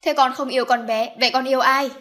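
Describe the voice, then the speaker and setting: A stubborn, scheming middle-aged mother who won't take no for an answer, read by a woman narrator. Her voice sits fairly high and comes across loud and commanding in this audiobook. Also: fairly even intonation, fast talker. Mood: insistent. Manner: insistent, commanding. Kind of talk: audiobook character voice.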